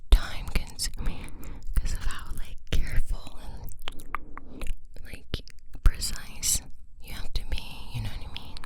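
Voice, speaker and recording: A young woman whispers an ASMR ramble close to the ear into a binaural mic, soft and breathy with wet mouth sounds, gentle, reassuring and halting. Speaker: ASMR creator. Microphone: close binaural microphone.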